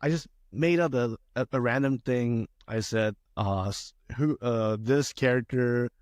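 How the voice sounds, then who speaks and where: A young man from China, a theater student guest on a podcast, telling his story in an earnest, halting way. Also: mid-range voice, darkish tone, no room sound, studio quality. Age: young adult. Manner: halting, many fillers and restarts, earnest. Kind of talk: casual podcast interview.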